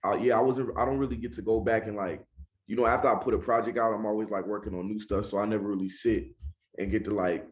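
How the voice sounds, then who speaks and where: A man's voice: fairly low pitch, steady tone, fast. A young man from Charlotte, North Carolina, with a Southern accent, a rapper talking casually in an interview and often saying "you know what I'm saying".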